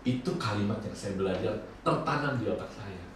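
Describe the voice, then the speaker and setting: A man preaching a sermon, telling lively personal stories and acting out his own remarks. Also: on the low side, fairly quick. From Indonesia. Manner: lively storytelling, acts out his own quoted lines. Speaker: bishop preaching. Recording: echoey hall from far off, faint noise.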